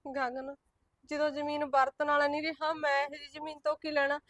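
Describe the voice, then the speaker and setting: A woman's voice: high-pitched, flat delivery, a little fast, a bit bright, dry recording. An actress playing a meek widowed mother who pleads and swears she is innocent. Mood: pleading. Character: pleading widowed woman with small children, meek. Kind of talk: village short-film drama.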